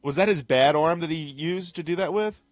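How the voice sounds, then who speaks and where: A man's voice: a little high, moderate pace, faint music behind. A man giving sarcastic, laughing commentary over a video, mimicking the person in it.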